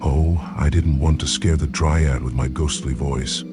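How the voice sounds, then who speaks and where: A man's voice: rumbling low, fairly even intonation, measured pace. A man playing a wry, fond ghost companion with an unearthly, ghostly voice in a fantasy role-play. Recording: music behind the voice.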